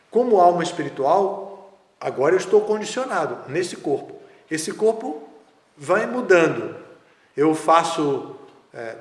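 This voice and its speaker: Man, spiritual lecture, higher voice, echoey hall, long reverb. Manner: measured, conversational lecturing with asides. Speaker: spiritual teacher.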